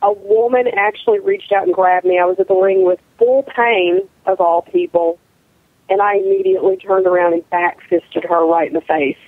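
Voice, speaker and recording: A woman's voice: medium pitch, steady tone, normal speed, dry recording. Blunt woman on a tinny phone line. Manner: blunt, matter-of-fact storyteller. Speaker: co-host, wrestler. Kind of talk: casual radio chat.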